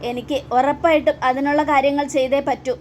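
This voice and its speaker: A woman's voice: sits high, little pitch movement, fairly quick, slight background noise, lightly acted. A woman voicing an angry, suspicious young man who demands answers in an accusing way.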